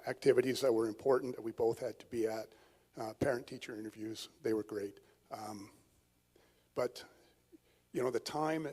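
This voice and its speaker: Mature man, husky, medium pitch, halting, reflective, informal testimony, long hall reverb. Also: darkish tone. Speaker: husband and father on a marriage panel.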